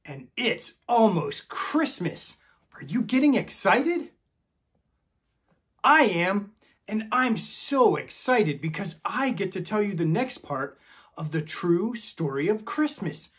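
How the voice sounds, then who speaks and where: A man telling a Bible story to children in an animated, sing-song voice that rises and falls widely. His tone is slightly husky, his pace unhurried, and he keeps inviting the kids to shout and knock along with him. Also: high voice. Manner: enthusiastic, calls for the audience to join in. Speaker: children's ministry leader.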